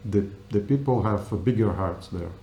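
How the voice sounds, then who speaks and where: A man giving spontaneous interview answers in halting English, searching for words. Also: on the low side, warm tone. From Russia. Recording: echoey room with faint noise.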